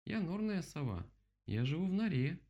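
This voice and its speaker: Small friendly owl voiced by a man, high cheerful voice, storybook. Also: big pitch swings, moderate pace, highs cut off. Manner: bright, easygoing.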